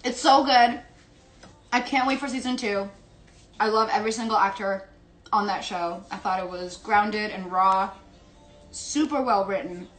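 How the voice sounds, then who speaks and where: A woman's voice: mid-range voice, a little slow, pauses often, fairly bright tone, echoey room, soft background music. A young woman from South America whose first language is Spanish, chatting casually on a livestream while she eats. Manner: chatty, giggly, talks while eating. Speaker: Instagram live host. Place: home room with pet dog. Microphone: phone or laptop livestream.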